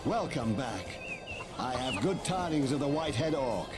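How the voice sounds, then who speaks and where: A man acts out a veteran army captain from a fantasy game, grim and earnest. He declaims in mock-biblical, old-fashioned formal phrases with a very animated pitch. Clear music plays behind him. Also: moderate pace, lightly acted. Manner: mock-archaic, quasi-biblical formal speech. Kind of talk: scripted fantasy game dialogue.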